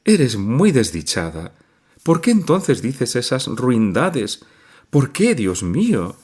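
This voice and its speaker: A man's voice: medium pitch, huge pitch swings, takes it slowly, a little mellow, husky, voice pushed up, heavily acted. A man reading a storybook aloud and voicing a distraught young woman who pleads through her tears. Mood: desperate. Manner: tearful, imploring. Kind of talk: audiobook reading.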